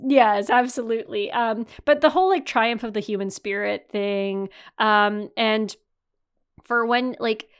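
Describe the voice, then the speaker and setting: Woman, 30s, podcast host, high-ish voice, enthusiastic, casual chat, filler-heavy. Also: unhurried, clear, resonant tone. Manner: enthusiastic, swears casually, lots of "like".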